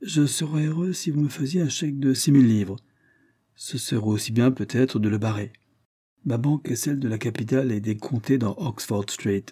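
A man's voice: mid-range voice, normal speed, dark tone, breathy edge, voice pushed up, natural voice. A man reading a cold, precise detective. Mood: cool. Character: cool, exacting male detective.

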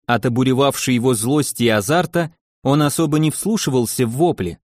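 A man narrating an audiobook with a lively, dramatic storytelling manner. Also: medium pitch, brisk, dry recording, studio quality. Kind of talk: expressive audiobook reading.

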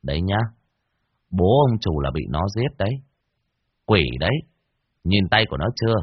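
A cold, threatening young exorcist voiced by a male narrator barks questions in a low, husky voice. The recording is dry and dull, with no room sound. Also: lively intonation, moderate pace, dry recording. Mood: harsh scolding. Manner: harsh, scolding, threatening.

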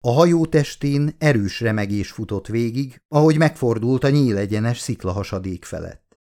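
A man reading his own audiobook from Hungary in a steady narrating voice, acting out the dialogue with lively lifts. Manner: acts out crew dialogue with raised pitch and excitement.

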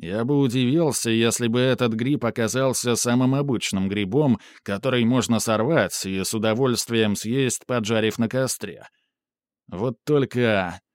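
A man's voice: medium pitch, a little slow, clean tone, no room sound, close to an everyday voice. A man reading an audiobook, voicing a grumbling, mocking male raider who reasons things through aloud. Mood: musing. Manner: dry, reasoning, teasing.

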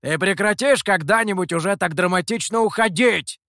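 A man playing a hot-tempered monkey demon master from a storybook, brusque and blunt, lively voice, dry sound. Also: on the high side, no echo. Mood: angry. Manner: brusque, quick to shout.

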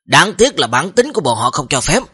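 Chatty story narrator. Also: male voice, fairly high pitch, sing-song, fairly quick, bright, forceful tone, slightly rough, no echo, clean studio sound. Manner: chatty asides to listeners.

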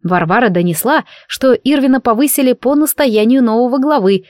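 A woman narrating a first-person audiobook with a lively, expressive reading. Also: on the high side, brisk, no room sound.

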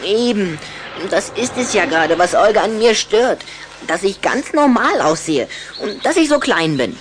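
A woman's voice: mid-range voice, sing-song, normal speed, slight background noise, lightly acted. A woman playing a boastful, touchy little boy vampire in a children's audio drama, with a mocking, giggly manner. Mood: sulky, confiding.

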